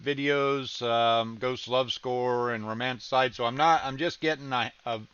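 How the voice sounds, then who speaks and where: This reaction streamer host speaks with a medium-pitched, smooth, fairly bright voice and a slight Southern American accent. Chatting casually on a livestream, he rambles with lots of ums and restarts and laughs easily. The recording is dry and muffled.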